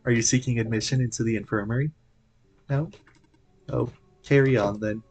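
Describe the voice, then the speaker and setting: Brief: man voicing a game infirmary robot, clipped, flat and polite. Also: medium pitch, normal speed, natural voice. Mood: dutiful. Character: polite clinic robot, male, methodical.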